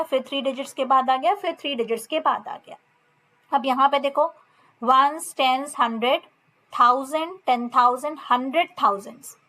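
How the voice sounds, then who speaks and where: A woman's voice: sits high, fairly bright tone. A woman with an Indian accent teaching a maths lesson, reading textbook lines and explaining step by step. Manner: reads textbook lines slowly, explains in mixed Hindi and English.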